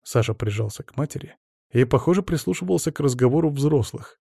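A man narrating an audiobook in an even storytelling manner. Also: medium pitch, a little fast, vocal fry, husky, no room sound, studio quality. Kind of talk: scripted narration.

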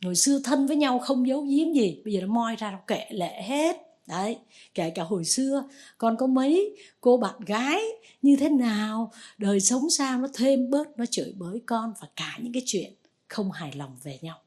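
A woman's voice: fairly high pitch, expressive, normal speed, darkish tone. A woman voicing a troubled male lay Buddhist disciple who pleads and defends himself.

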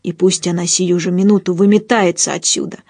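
A woman reading an audiobook, voicing a brutish young man who bullies his family, with a loud, harsh, contemptuous delivery. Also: on the low side, fairly even intonation, brisk, vocal fry, husky, no echo, studio quality. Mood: raging. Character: brutish bullying young man, quick to rage. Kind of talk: audiobook character voice.

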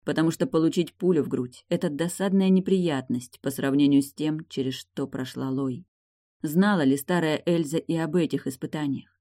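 A reader narrating a romance novel in an even, steady storytelling manner. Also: medium pitch, normal speed. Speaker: audiobook reader. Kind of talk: scripted narration.

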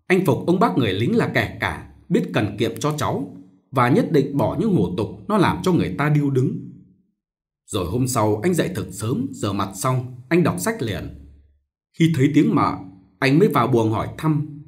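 A man narrating a short story as an audiobook reading, in an expressive storytelling manner. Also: mid-range voice, moderate pace.

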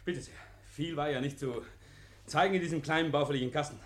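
Playing a nervous murder suspect in a 1950s radio play, a male actor is effusive, stammers, and repeats himself, coming across as over-eager and polite. His natural-sounding voice is on the high side and fast.

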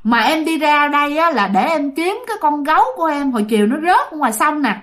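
A frightened little boy answers in a timid, high voice, as a woman narrator plays him. He speaks with a Southern Vietnamese accent. A spoken ghost story. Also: animated, a little fast, a bit bright. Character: frightened little boy, runaway searching for his teddy bear.

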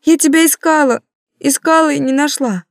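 A woman's voice: normal speed, vocal fry, no room sound, studio quality. A woman doing a tearful little girl. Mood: anxious, tearful. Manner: high, pleading child voice.

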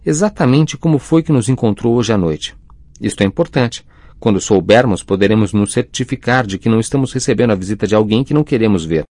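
A man's voice: lowish voice, expressive, fast, dark tone, no echo. A man voicing a cold, sarcastic teenage girl witch with a biting, superior tone in an audiobook. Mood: cool.

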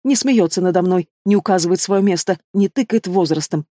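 A hot-tempered teenage werewolf girl, as an audiobook reader puts her on, defiant and sulky. She hurls accusations and sharp sarcasm at her father in a storybook reading. The sound is dry and close. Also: mid-range voice, a little fast, dry recording, natural voice. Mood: furious.

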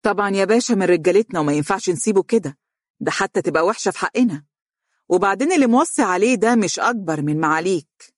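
A narrator voicing an assertive, impatient woman with high connections, in Egyptian Arabic, for an audiobook. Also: expressive, no echo, clean studio sound, natural voice. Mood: assured. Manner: brisk, assertive, agitated. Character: forceful, well-connected woman engineer, impatient.

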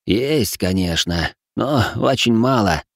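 A man's voice: on the low side, lively intonation, takes it slowly, no echo, studio quality, heavily acted. A man voicing a sheepish, apologetic old wizard who teaches magic, in an audiobook reading. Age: older. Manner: apologetic, sighing.

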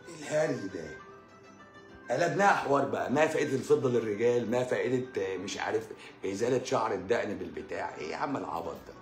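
Fast-talking Egyptian man scolding viewers. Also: lowish voice, expressive. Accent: Egyptian Arabic. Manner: sarcastic, scolding, repeats phrases for emphasis. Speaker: doctor answering viewer comments on a live stream. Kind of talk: live-stream monologue. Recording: echoey room with faint music.

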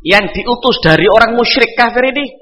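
A high, bright male preacher, telling a story in a lively, animated way. His pitch swings widely as he acts out the dialogue. His voice carries a long reverb, like a big hall. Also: fairly quick. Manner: animated, acts out dialogue, mixes in Javanese phrases. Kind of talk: sermon storytelling.

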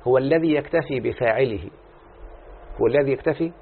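A man's voice: medium pitch, fairly quick, slightly rough. A man with an Egyptian accent teaches a classroom lesson, explaining a text and constantly quizzing his students with short questions. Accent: Egyptian Arabic. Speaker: teacher of Arabic morphology. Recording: tinny phone-like lo-fi recording.

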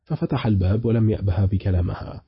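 A man reading a horror novel aloud as an audiobook narrator, with brisk, steady storytelling. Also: fairly low pitch, husky, dry recording, muffled recording.

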